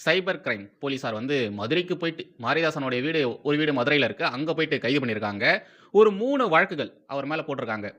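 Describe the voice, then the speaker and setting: A man's voice: a little high, lively intonation, quick pace, fairly bright tone, dull audio. A man hosting political commentary, mocking and sarcastic, who repeats phrases for emphasis.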